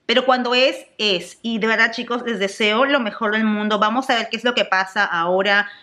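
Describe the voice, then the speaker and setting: A young adult woman from Peru with a Peruvian Spanish accent, chatting excitedly in a casual gossip vlog and dropping English exclamations. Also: fairly high pitch, normal speed. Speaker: celebrity gossip vlogger.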